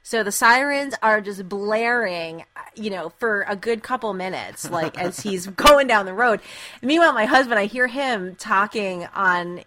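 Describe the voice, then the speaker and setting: A woman's voice: mid-range voice, expressive, unhurried, bright, forceful tone. A woman co-hosting a podcast, telling a story in a chatty way and often laughing as she talks. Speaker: podcast co-host. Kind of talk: casual chat, storytelling.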